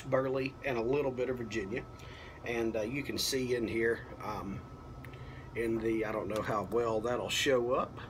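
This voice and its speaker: A man in his thirties gives a casual, unhurried product review to camera, often halting as he thinks aloud. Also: medium pitch. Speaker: pipe tobacco reviewer. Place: apartment balcony at night. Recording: clearly noisy, outdoor ambience.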